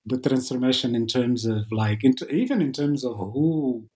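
A middle-aged man with an Angolan accent answers interview questions as an academic guest, haltingly, often repeating words. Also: mid-range voice, animated, a little mellow, breathy edge. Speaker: academic author, podcast guest.

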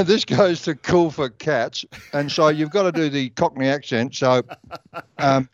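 A man guesting on radio speaks unhurriedly in a slightly higher voice. He rambles through stories with a laugh close by. His headset line sounds dry and a little dull. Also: measured pace, no echo. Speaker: musician guest. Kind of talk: casual radio chat.

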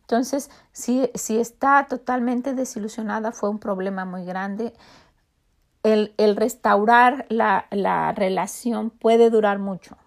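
A woman's voice: medium pitch, fairly even intonation, takes it slowly. A woman giving a conversational Bible teaching on her podcast, reading verses aloud and explaining them earnestly, often repeating and restarting her words.

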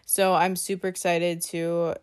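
A woman's voice: fairly low pitch, flat delivery, a little slow, clear, resonant tone. A woman in her twenties from the US East Coast hosting a casual solo podcast, chatty with lots of "like" and "um" fillers, a little congested from a coming cold. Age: 20s. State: slightly congested, getting a cold. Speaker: podcast host.

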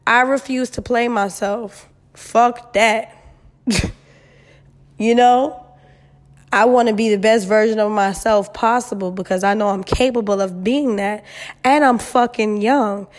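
A woman's voice: a little high, fairly even intonation, measured pace, pauses often. A woman in her twenties chatting frankly and sassily as host of an advice show, swearing freely, with a digital echo from an empty room. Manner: blunt, sassy, heavy swearing, emphatic. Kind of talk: casual solo chat with advice, frank and slangy. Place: new, mostly empty apartment. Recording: echoey near-empty apartment room.

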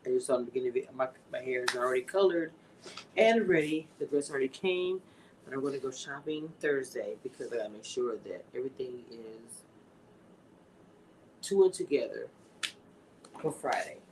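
With background noise in the mix, a livestream host in her forties chats casually with viewers. She has an expressive bass voice and draws her words out.

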